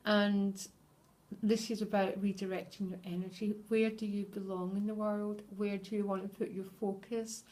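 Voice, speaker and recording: A woman giving a tarot reading straight to her viewers, earnest and openly emotional, often pausing to check in with them. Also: medium pitch, level tone, a little mellow. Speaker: tarot reader.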